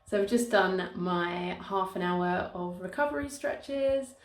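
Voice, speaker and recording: A woman's voice: on the low side, lively intonation, slow pace. A woman chatting casually at home in an upbeat, talkative way, laughing often. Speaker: fitness vlogger. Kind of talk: casual vlog chat. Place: home, indoors.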